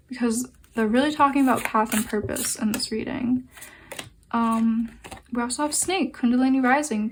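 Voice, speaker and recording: A woman giving a pick-a-card tarot reading, gentle and reassuring, with frequent fillers and restarts. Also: a little high.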